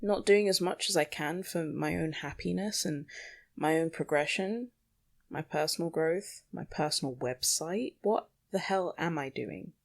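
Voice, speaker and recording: A young woman hosts a solo podcast from her small bedroom at home, recording on a small microphone. Her rambling, confessional monologue is anxious and self-deprecating, delivered in a low, unhurried, gravelly voice.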